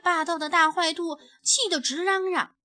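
Brief: woman storyteller, high bright tone, unhurried read-aloud pacing, expressive and gentle. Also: no echo, clean studio sound. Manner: gentle, expressive, drops softly at sentence ends. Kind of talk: picture-book read-aloud.

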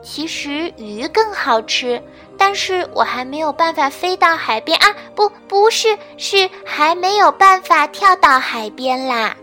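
A woman's voice: high voice, lively intonation, a little slow, sharp tone, faint music behind, pitched above the performer's own voice, full character voice. A woman voicing a timid little boy pterosaur chick in a storybook, stammering and eager. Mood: chatty.

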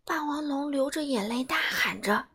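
A woman's voice: high-pitched, moderate pace. A woman reading a children's picture book aloud as storyteller, acting out the animals. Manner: animated, acts out each animal.

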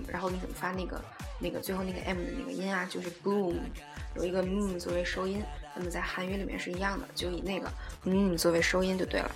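A woman teaching a language lesson, explaining word by word and repeating each example slowly and patiently. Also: medium pitch.

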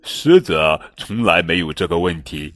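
A man voicing an eager, chatty tiger who exclaims with excitement. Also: low-pitched, normal speed, dry recording, faint music behind, full character voice.

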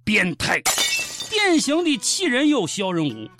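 High-pitched sarcastic Shaanxi man. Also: wildly swooping pitch, measured pace, over music. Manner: sarcastic, mocking, colloquial. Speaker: host of a satirical news show. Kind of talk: comic news commentary.

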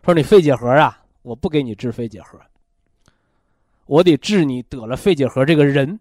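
A man hosting a radio health talk, lecturing in an animated way and tossing out rhetorical questions. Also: medium pitch, normal speed, no room sound, clean studio sound. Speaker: health show host.

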